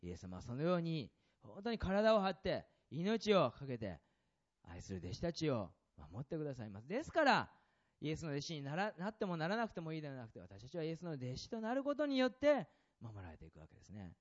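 A man preaching a sermon as a pastor, asking the congregation questions and swinging between loud and soft passages. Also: on the high side, huge pitch swings, brisk, dull audio.

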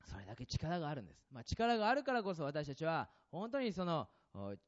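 A male pastor preaching to his congregation with a very animated, rising and falling voice, pitched a little high for a man. He asks the listeners questions and moves between loud and hushed passages. The sound is dull and lo-fi. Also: brisk. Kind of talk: sermon.

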